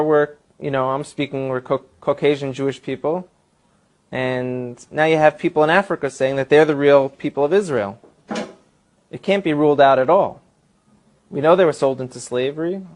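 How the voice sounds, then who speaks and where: A man answering as a guest, earnestly explaining and building his points step by step. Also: on the high side. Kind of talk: explanatory talk.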